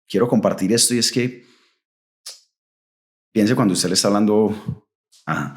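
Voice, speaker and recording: A young adult man with a Colombian Paisa accent tells his story as a podcast guest in an animated testimony, vivid and packed with local slang. His voice is mid-range and a little mellow.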